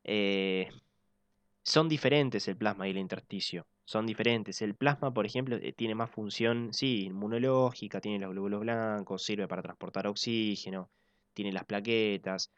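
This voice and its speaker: A man teaching physiology in an online class, explaining step by step and slowing down to repeat key points. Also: fairly low pitch, clean tone, no room sound. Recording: dull lo-fi dry sound.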